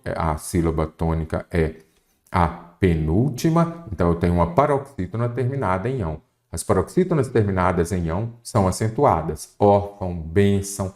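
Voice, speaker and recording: This deep, darkish voice belongs to a Brazilian man leading a Portuguese exam-prep class. He breaks each point down step by step, quizzing the viewer as he goes.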